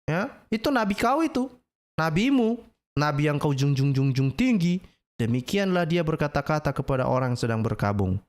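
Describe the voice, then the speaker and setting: A man's voice: fairly high pitch, sing-song, normal speed. A man with an Indonesian accent hosting a livestream, talking in an argumentative, mocking way and challenging his audience. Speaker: livestream host.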